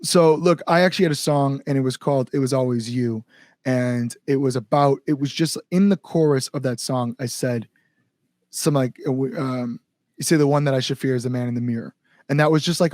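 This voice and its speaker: Recorded at studio quality with no room sound, a man with a mid-range, slightly mellow voice chats as a musician guest. His podcast talk is loose and rambling, full of "like," with asides where he performs what he was thinking.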